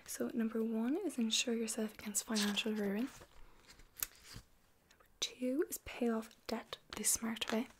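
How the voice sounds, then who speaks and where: A woman's voice: fairly high pitch, steady tone, unhurried, pauses often. Young woman's library whisper, whispered role-play. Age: young adult. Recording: clear background noise.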